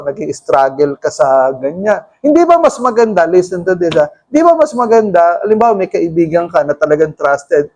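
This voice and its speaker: High-voiced Filipino pastor preaching. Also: male voice, darkish tone, low-quality recording. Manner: mixes Tagalog and English, asks the congregation questions. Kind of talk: sermon.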